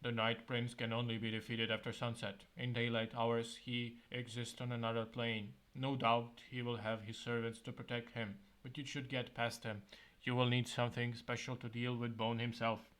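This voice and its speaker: A stern, tired old male wizard speaks calmly and gravely, laying out instructions in a measured, solemn way, as a man reading a gamebook puts him on. His voice sits at a middling pitch and stays close to an ordinary reading voice. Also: close to an everyday voice.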